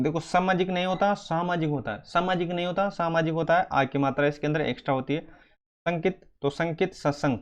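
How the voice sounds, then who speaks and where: A male teacher coaching students for an exam, his voice sitting a little high for a man. He drills each word by saying it over and over, turning to his students as friends. The sound is dull and lo-fi.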